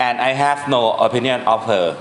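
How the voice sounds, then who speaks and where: A man's voice: mid-range voice, fairly bright tone. Male teacher, casual and chatty, explains step by step, recorded in an echoey classroom with faint background noise. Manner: chatty, explains step by step, reads English lines slowly. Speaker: translation teacher. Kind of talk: informal classroom lesson.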